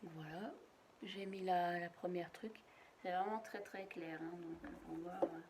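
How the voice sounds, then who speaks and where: Chatty woman with a lowish voice. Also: steady tone, unhurried, noisy background. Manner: chatty, rambling, many hesitations. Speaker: vlogger showing shopping finds. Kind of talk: casual product show-and-tell. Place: at home, indoors.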